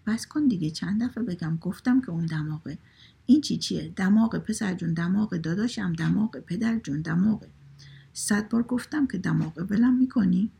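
A woman's voice: mid-range voice, vocal fry, slightly rough, full character voice. A woman voicing a grown man who tries to stay patient with a child but keeps getting exasperated. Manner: exasperated, forcing calm. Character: patient man losing his temper with a child.

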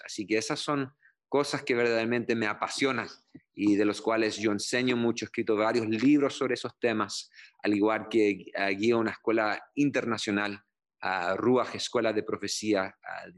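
A middle-aged man from Chile speaking as a pastor in an interview, with a low-pitched voice. He tells his story earnestly, pausing often and restarting his sentences with fillers. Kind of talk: interview testimony.

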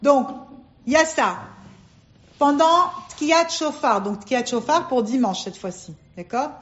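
A woman's voice: high-pitched, a little slow, fairly bright tone. A woman teaching a religious class to a group of women, emphatic and asking and answering her own questions. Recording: dull lo-fi recording.

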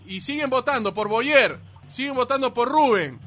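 A Uruguayan man hosts a lively radio show, his voice pitched very high. The tone is bright and ringing. He builds suspense and laughs easily. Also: normal speed. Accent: Uruguayan Spanish. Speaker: radio host.

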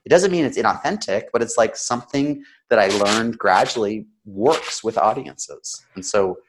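A man who is slightly sick, coaching conversationally with examples in a practised storyteller's delivery, with emotion and deliberate pauses. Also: lowish voice, lively intonation, background noise. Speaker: storytelling coach and interview guest.

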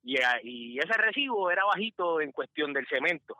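Bright-voiced, high-pitched comic storyteller man. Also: moderate pace, no echo. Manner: animated, acts out other people's voices. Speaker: podcast guest storyteller. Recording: slightly dull, dry podcast mic.

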